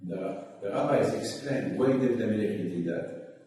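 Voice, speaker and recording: A man's voice: fairly low pitch, moderate pace, mellow. Man preaching from far off in an echoey hall. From Morocco. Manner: earnest, repetitive exhortation with Hebrew phrases. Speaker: rabbi. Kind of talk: sermon.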